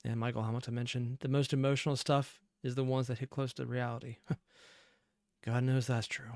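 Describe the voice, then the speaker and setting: A man with a mid-range, slightly mellow voice and a flat delivery speaks in a dry, clean studio recording. As host of a reaction video, he reflects earnestly and analytically on a fan dub, stressing words with care.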